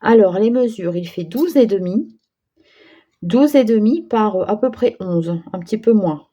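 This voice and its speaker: Woman vlogger, mellow tone, chatty and halting, craft demo. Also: medium pitch, expressive, breathy edge. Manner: chatty, hesitant, many fillers and restarts. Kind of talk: casual craft demonstration.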